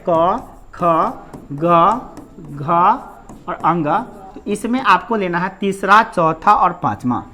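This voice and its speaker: A man's voice: high-pitched, a bit bright. A man teaching a Hindi grammar lesson, repeating points and quizzing the listener with rhetorical questions.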